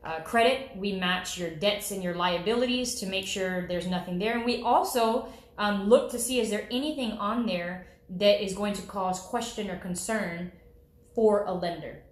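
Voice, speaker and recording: A woman's voice: mid-range voice, moderate pace. A woman loan officer explaining the home loan process in a conversational way, often checking in with "okay?". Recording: roomy, echoey room.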